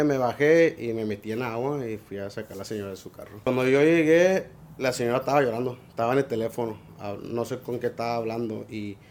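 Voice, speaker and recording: A man's voice: mid-range voice, slight background noise. A young man, recounting events casually in a loose storytelling way with frequent fillers and English words mixed in. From Laredo, Texas border region. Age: young adult. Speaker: local resident rescuer interviewed.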